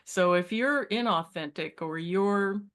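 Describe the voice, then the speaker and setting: A woman guest in casual chat, speaking in a thoughtful, measured way with many restarts. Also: mid-range voice, a bit bright.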